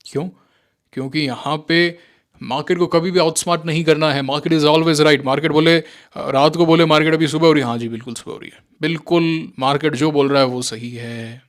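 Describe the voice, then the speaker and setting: A man teaching stock trading in casual, animated commentary, sarcastic and mocking, with Indian-accented English mixed into his talk. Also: fairly high pitch, normal speed. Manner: sarcastic, mocks listeners in mimicking voices. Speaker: stock market trading educator.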